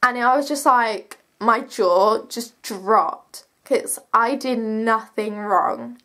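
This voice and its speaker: A seventeen-year-old young woman telling a personal story in a casual, animated vlog style, slangy, emphatic and sweary. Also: fairly high pitch, takes it slowly.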